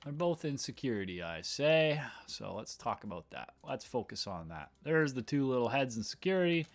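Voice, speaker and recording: A man talks casually into a desk microphone as he edits video on a livestream. His voice sits at an ordinary middle pitch. He thinks aloud, often trailing off and restarting his sentences. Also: big pitch swings, moderate pace. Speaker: video editor. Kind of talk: casual livestream talk while editing.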